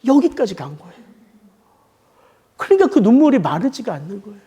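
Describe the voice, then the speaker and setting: A middle-aged man preaching a sermon as pastor, emotional and earnest, slowing down on key words. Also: sits high, very animated, dark tone, lo-fi sound.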